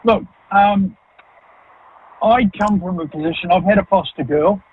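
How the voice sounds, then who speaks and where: Man, New Zealand accent, caller driving, phone line breaking up and cutting out, tinny, husky, high voice, blunt, hesitant. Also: a little slow. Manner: blunt and colloquial, hesitant with many ums. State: driving while on the call. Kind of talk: casual talkback call. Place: in a moving car.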